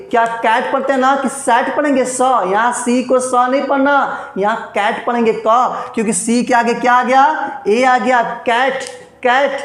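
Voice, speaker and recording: A man's voice: very high voice, roomy sound. A man teaching a basic English lesson, explaining word sounds and meanings, constantly asking questions and answering them, and encouraging his students. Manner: drills words with repeated questions and answers; encouraging, promises and blessings to students.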